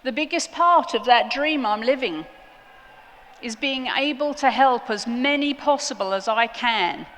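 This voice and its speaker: Woman speaker at a conference, earnest, measured delivery, slow and deliberate. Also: a little high, fairly bright tone. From outside the United States. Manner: earnest, emphatic with deliberate pauses. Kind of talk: prepared conference talk. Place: large conference hall. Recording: long hall reverb.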